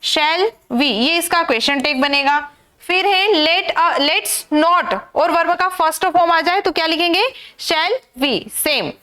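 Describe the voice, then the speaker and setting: Indian woman teacher, very high voice, drills exam grammar with repeated questions. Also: slow, bright, forceful tone. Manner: repetitive drilling with rhetorical questions. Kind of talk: exam-prep grammar lesson.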